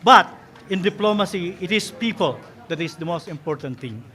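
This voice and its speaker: A man's voice: high-pitched, expressive, normal speed, pushed and bright. A man, a diplomat speaking earnestly and formally, explaining his points step by step. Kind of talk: speech to festival guests.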